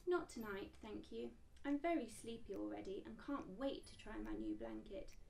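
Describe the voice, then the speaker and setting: A woman reading the lines of a brave, kind little girl in a storybook, bright and eager. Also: medium pitch, huge pitch swings, moderate pace, gravelly, recorded from a distance, soft background music. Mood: sleepy.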